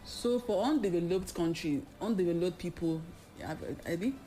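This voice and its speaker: A woman's voice: on the low side, normal speed, dark tone. A woman guest explaining on a talk show, emphatic and fond of rhetorical questions. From Nigeria. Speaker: expert guest.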